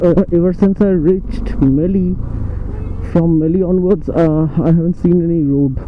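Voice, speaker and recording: A man's voice: fairly high pitch, steady tone, a little slow. A man with an Indian accent casually narrating his motorcycle trip aloud as a travel vlogger, outdoors on the road. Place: outdoors on a motorcycle on mountain roads. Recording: narrow phone-like sound, faint vehicle noise.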